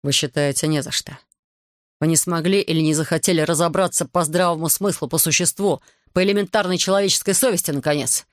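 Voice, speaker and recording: A man's voice: fairly high pitch, steady tone, fast, dry recording, studio quality, natural voice. A man reading the lines of a former soldier and fisherman who speaks dryly, bluntly and with sarcasm. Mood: sarcastic, blunt.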